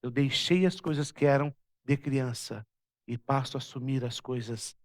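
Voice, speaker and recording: A man from Brazil, a pastor, preaching a sermon and telling a personal story, moving between loud passages and hushed ones. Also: mid-range voice, normal speed.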